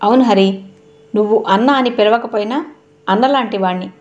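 A woman reading the part of a gentle, steady man in a calm, measured way. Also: mid-range voice, muffled recording, natural voice.

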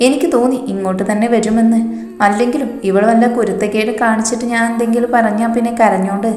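A woman's voice: fairly high pitch, steady tone, fast talker, a little mellow, lightly acted. A woman voicing an exasperated young mother who scolds and complains sharply, in a storybook reading. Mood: scolding. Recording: reverberant room, faint music behind.

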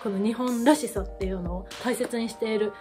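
Woman doing a reaction vid, gets all excited and gaspy, kinda high voice, a bit of music under it. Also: a little fast. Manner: excitable, gasping exclamations. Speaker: reaction video host. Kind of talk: casual reaction commentary.

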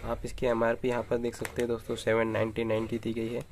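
A man's voice: medium pitch, fast talker, background noise. A man casually narrating an unboxing and setup tutorial, speaking steadily to viewers while his hands work on a table at home. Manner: steady explanatory, frequent address to viewers. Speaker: unboxing vlogger. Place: indoors at home, camera over tabletop.

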